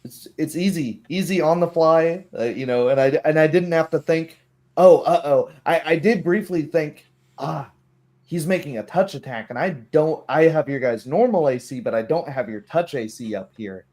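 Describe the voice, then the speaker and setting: A man who runs a tabletop roleplaying group as game master chats casually about the game's rules, rambling and acting out imagined remarks as he goes. His voice is on the high side with a darkish tone, at a moderate pace.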